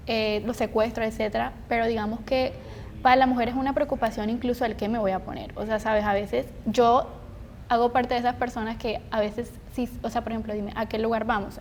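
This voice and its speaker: Woman, slightly high voice, wordy explanatory podcast talk, light background rumble. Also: darkish tone. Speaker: podcast co-host. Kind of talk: casual discussion. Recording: noisy, low rumble behind voice. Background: rumbling background noise.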